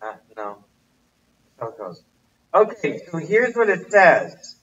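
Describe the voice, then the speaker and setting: A man with a high voice leads a casual language lesson. He keeps quizzing his listeners and repeating the same questions. He sounds set back from the mic, and the audio is dull and muffled. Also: big pitch swings, a little slow, a bit bright. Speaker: teacher. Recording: distant, muffled livestream audio.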